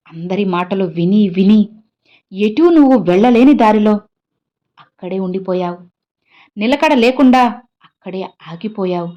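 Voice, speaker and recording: A compassionate old holy man, as a woman reads him out, speaks softly to a grieving devotee. His voice is mellow and warm. He pleads tenderly and keeps calling the listener his child. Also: mid-range voice, close to an everyday voice. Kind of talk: devotional message voiced in first person.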